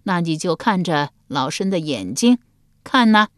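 A cold, commanding old empress dowager, as a woman reader puts her on, low-voiced and dry. She swings from icy scorn to lively, pointed scolding, every word weighing heavily. Close, dry audiobook sound with no room around it. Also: moderate pace, no room sound. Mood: imperious. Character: stern, shrewd elderly grand empress dowager.

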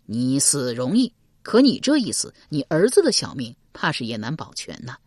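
A woman plays a shrewd statesman in an audiobook, speaking in a measured, authoritative way with a lively rise and fall. The voice is husky and recorded dry and close. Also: extremely low pitch, dry recording, heavily acted. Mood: advising. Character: shrewd, calm male chancellor, middle-aged. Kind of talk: audiobook character voice.

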